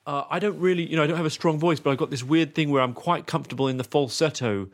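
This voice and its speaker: A man's voice: on the high side, quick pace. A man talking as a podcast guest, hesitant and self-mocking. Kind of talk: interview chat.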